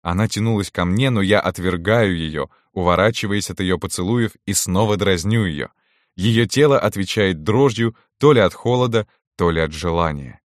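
A man reading a first-person romance story aloud in a calm, intimate storytelling manner. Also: deep voice, normal speed, no echo, studio quality. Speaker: audiobook narrator.

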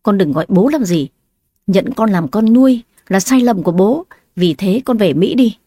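Brief: stern weary old father, dark dry tone, voiced by a woman narrator. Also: medium pitch, lively intonation, moderate pace, dry recording, close to an everyday voice. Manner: stern and firm.

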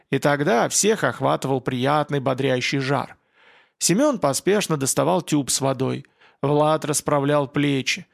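A man narrating an audiobook in an even, measured reading style. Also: fairly high pitch, gravelly.

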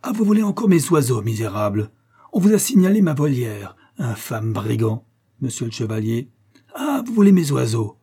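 A man reading a storybook, voicing a proud, impoverished old nobleman who shouts in furious, impassioned outbursts. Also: medium pitch, normal speed, breathy edge, close to an everyday voice.

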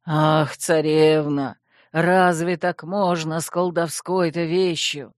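A woman voicing a fawning, solemn male skeleton servant, in a lowered, slow voice for an audiobook. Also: fairly even intonation, no echo, clean studio sound.

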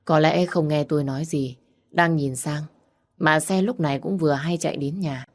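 A woman reading a first-person story aloud with earnest, heartfelt delivery. Her voice is notably low for a woman. The reading is steady and sincere. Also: moderate pace. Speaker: audiobook narrator.

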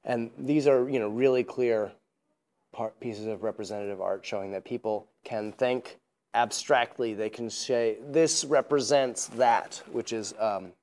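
A man's voice: lowish voice, steady tone, normal speed, darkish tone. A man giving a classroom lecture, rambling with many fillers and joking asides.

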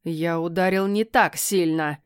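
A woman voicing a stern, sardonic male talking cat in a storybook reading, with a mocking drawl and curt, gruff replies. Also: mid-range voice, expressive, moderate pace, darkish tone, no echo, clean studio sound, lightly acted.

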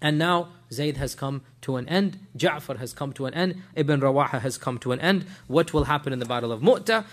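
A man giving a weekly religious history lecture in an animated way, often asking his listeners rhetorical questions and weaving in Arabic religious phrases. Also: mid-range voice, a little fast, hardly any pauses.

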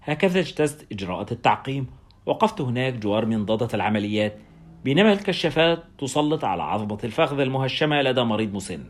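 A male narrator reads a first-person story at a fast clip. His pitch sits mid-range, and his telling stays brisk and wry throughout. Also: lively intonation.

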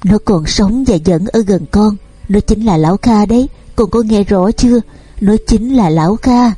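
A scolding, grieving mother of advanced years, insistent and firm. Her voice is dark and husky, close and dry, as a woman storyteller reads her. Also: medium pitch, normal speed, no room sound, soft background music, close to an everyday voice. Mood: pleading.

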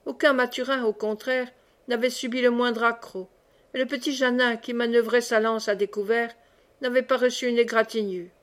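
A woman reading a novel aloud in steady, clear narration. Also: fairly high pitch, moderate pace. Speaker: audiobook reader. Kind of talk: scripted narration.

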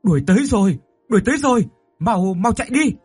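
A man voicing a panicked young man who frantically shouts for the others to run. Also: high voice, lively intonation, quick pace, husky, faint music behind, voice pushed up.

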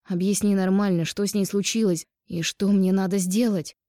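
A woman's voice: medium pitch, fairly even intonation, moderate pace, dark tone, dry recording, clean studio sound, natural voice. A woman doing a guilty, pleading ex-husband. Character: remorseful ex-husband, middle-aged man, guilty and placating. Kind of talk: audiobook reading.

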